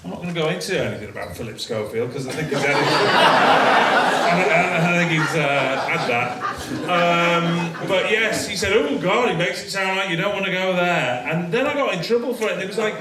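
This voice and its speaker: A man's voice: high-pitched, lively intonation, brisk. A man on a Q&A panel answering audience questions in a rambling way, with many restarts and chuckles at himself. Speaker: cast member on a panel. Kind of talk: casual Q&A answers. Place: cinema auditorium with audience. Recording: echoey hall from far off, crowd noise.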